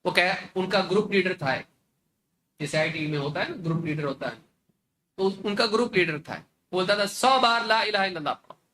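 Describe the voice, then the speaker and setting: Male scholar, high bright delivery, animated lecture, faint noise in the recording. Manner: animated, acts out opponents with mocking rhetorical questions. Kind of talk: religious lecture in Urdu.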